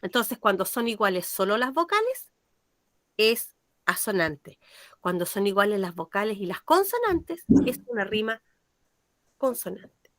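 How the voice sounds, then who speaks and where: A woman's voice: medium pitch, very animated, measured pace, pauses often, a bit bright, no echo, studio quality. A woman teacher, patiently explaining a language lesson and checking that her pupils understand.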